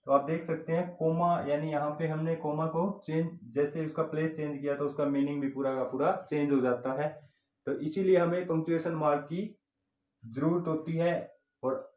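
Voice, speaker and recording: A man teaching a grammar lesson in Hindi and English, dictating slowly as he writes on a board, with an Indian English accent. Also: fairly high pitch. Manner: slow dictation while writing on a board, switching between Hindi and English. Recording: echoey room, dull lo-fi sound.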